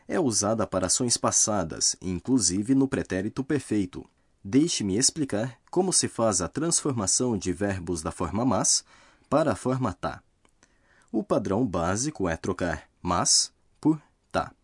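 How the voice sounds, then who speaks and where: A man narrating a scripted language lesson, explaining grammar rules slowly and carefully. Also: fairly low pitch, expressive, breathy edge, no echo, clean studio sound.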